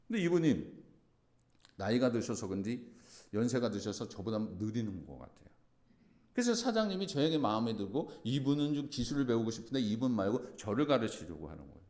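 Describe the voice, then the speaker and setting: Guy pastor preaching, tells stories and acts out the lines, pitch jumps all over, gets loud on the big points. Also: gravelly. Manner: animated storytelling, acts out quoted lines, rising to loud emphatic peaks. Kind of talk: sermon.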